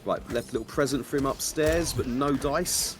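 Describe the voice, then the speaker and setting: A man's voice: mid-range voice, normal speed. A man giving color commentary on a fighting game match, wry and joking, full of technical analysis.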